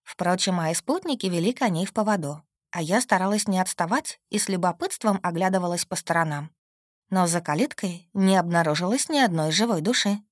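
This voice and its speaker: A woman narrating a fantasy audiobook in the first person with steady, expressive storytelling. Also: lowish voice, a little fast, no echo, studio quality.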